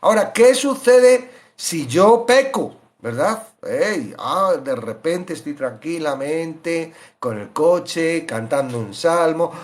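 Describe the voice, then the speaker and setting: A man teaching a Bible study, animated and acting out the voices of believers as he explains. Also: a little high, takes it slowly, few pauses.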